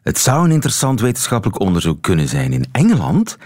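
A man's voice: on the low side, wildly swooping pitch, a little mellow, dry recording, studio quality. Een Vlaamse man die als radiopresentator gesprekken leidt en kordaat doorvraagt. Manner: brisk, probing questions. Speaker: radio host. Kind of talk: radio interview. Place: radio studio.

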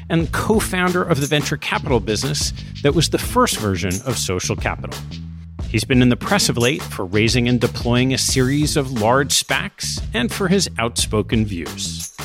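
Man, podcast host, lively pitch, gravelly edge, music underneath. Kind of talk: scripted podcast intro and interview.

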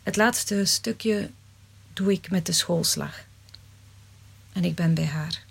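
A woman reading a first-person story aloud in a measured, dramatic way. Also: lowish voice, creaky, slightly rough. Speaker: narrator.

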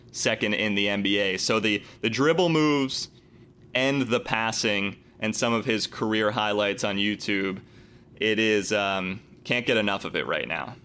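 A man co-hosting basketball talk, giving enthusiastic commentary in measured phrases. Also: lowish voice, pushed and bright, clear, resonant tone. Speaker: sports show co-host.

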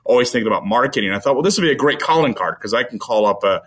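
A man's voice: medium pitch, animated, rapid-fire, a bit bright. A man answering interview questions as a company founder, rambling with frequent restarts and fillers.

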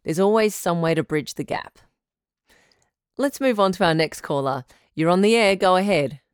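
A woman playing the smooth, reassuring host of a radio call-in advice show. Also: fairly low pitch, animated, moderate pace, dry recording, studio quality, close to an everyday voice. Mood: calm, welcoming. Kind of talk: scripted radio call-in drama.

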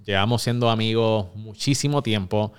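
A man's voice: on the low side, moderate pace, smooth. A man hosting a podcast from a recording studio, upbeat and speaking straight to his listeners. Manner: upbeat, direct address to listeners. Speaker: podcast host. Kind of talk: energetic podcast hosting with promotional reads.

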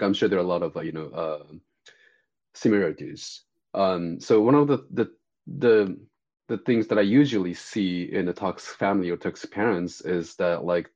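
A man with a very deep voice and a Japanese accent answers interview questions in a hesitant, casual way, with many fillers. The audio sounds slightly dull and muffled. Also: a little mellow. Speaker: guest therapist.

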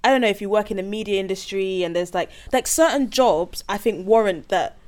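A woman's voice: mid-range voice, a little fast, a little mellow. Hesitant woman in casual chat. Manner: hesitant, repeats words, many fillers.

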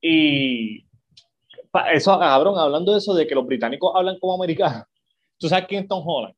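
A man's voice: a little high, brisk, highs cut off. A man co-hosting a podcast, telling stories with lots of swearing. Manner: profane, animated storytelling. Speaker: podcast co-host. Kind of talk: casual chat.

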